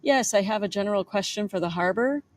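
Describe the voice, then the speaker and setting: A woman's voice: mid-range voice, fast, a little hiss or hum, natural voice. A woman reading aloud the lines of a pushy man calling on a boat radio, her quoting voice slightly raised. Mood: insistent.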